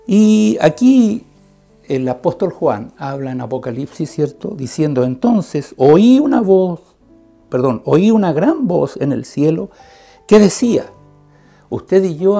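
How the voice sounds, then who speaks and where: A preacher with a husky, mellow voice delivers an earnest sermon. Key words are drawn out and pushed with sudden force, and phrases often end in a questioning "right?". Soft guitar plays faintly underneath. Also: medium pitch. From Chile. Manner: stretches key words with sudden loud emphasis. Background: faint guitar music.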